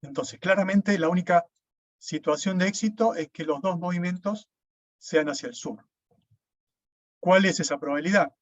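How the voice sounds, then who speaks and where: A man's voice: sits high, moderate pace, pauses often, no echo. A man, lecturing an online class, explaining step by step and often checking with "¿sí?". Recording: dull, dry lo-fi sound.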